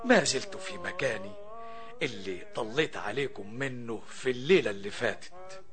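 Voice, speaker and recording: A man's voice: medium pitch, normal speed, crowd noise, close to an everyday voice. An actor with an Egyptian accent playing a talking banknote, a yearning captive who tells his tale to the audience in florid, plaintive narration. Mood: storytelling. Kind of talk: theatrical storyteller narration addressed to the audience.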